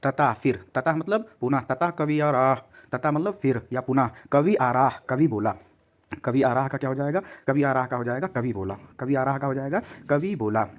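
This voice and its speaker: A man's voice: mid-range voice, moderate pace, muffled recording. A man teaching a class, going word by word and repeating each meaning, calling his students "beta". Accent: Hindi. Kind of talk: classroom lesson.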